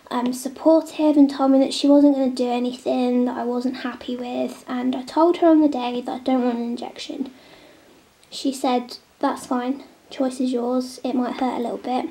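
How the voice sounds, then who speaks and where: This young woman, stuffed up with a cold, keeps up a casual chat while drawing on a tablet at her table at home, her camera set on the table. She drifts between normal talk and near-whispers at a moderate pace with fairly even intonation. Her voice is high yet mellow and steady, roughened by vocal fry.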